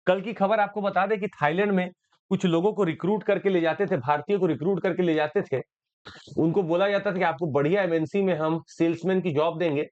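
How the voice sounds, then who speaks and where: This current affairs teacher, a man with an Indian accent, explains daily news to exam candidates, alternating between Hindi and English and going over key points again. It's an exam-prep news analysis lesson. His voice is high and slightly dark in tone, his pace is a little fast, and the audio is dull.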